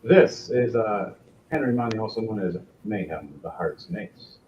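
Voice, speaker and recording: A man's voice: fairly low pitch, lively intonation, measured pace. A man hosting and running a tabletop role-playing game as game master, talking in a loose, rambling way with fillers. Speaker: game master and head host. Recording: roomy, dull, faint hiss.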